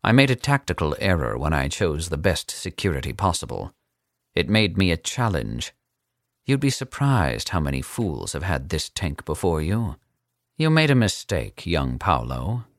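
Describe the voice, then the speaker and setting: A suave older captor, cold and amused, speaks, as a male narrator puts him on, in a very low, smooth voice. He drawls each line with easy condescension. The sound is close and dry. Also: very animated, moderate pace, dry recording. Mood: calm, menacing.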